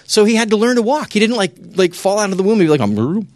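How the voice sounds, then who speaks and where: A man giving a lively, joking talk to a young audience, often hushing and settling the crowd. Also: high voice, very fast, dry recording. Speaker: youth speaker.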